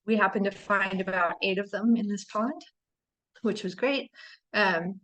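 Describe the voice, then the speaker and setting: Despite a failing voice, repeated throat-clearing and plenty of "ums," a North American woman stays chatty and enthusiastic through a casual slide talk about birding. Her mid-range voice is a bit bright, and the recording quality is low.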